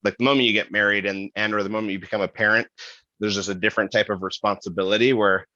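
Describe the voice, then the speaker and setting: A man hosting a podcast, reflecting out loud in a casual, halting way with restarts. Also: lowish voice, steady tone, dry recording, lo-fi sound. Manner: thinking aloud, halting with restarts and fillers. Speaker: podcast host.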